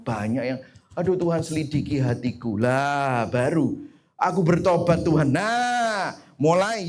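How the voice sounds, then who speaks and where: Husky guy pastor w/ preaching, super lively, acts out prayers. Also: mid-range voice. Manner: animated, acts out prayers in quoted voices. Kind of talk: sermon.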